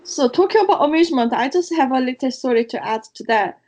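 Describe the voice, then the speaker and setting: With lively intonation and a quick pace, this South Korean podcast co-host chats casually and tells stories, breaking into laughter often. Her voice sits high and is a little mellow, and the lo-fi sound is slightly dull.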